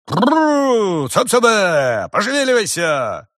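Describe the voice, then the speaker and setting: A man voicing a gruff old farmer who bellows at his oxen, rolling his r's. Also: medium pitch, lively intonation, normal speed, a bit bright, no echo, studio quality, pitched above the performer's own voice. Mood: bellowing. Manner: hoarse bellowing, rolled-r calls.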